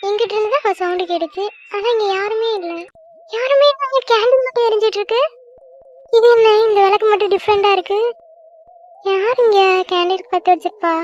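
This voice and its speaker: A woman doing a frightened cartoon girl, very high voice, anxious muttering, slightly dull sound, faint hiss. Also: a little fast. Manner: anxious, calling out and talking to herself. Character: frightened girl Sathya alone in a dark house. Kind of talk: cartoon voice acting.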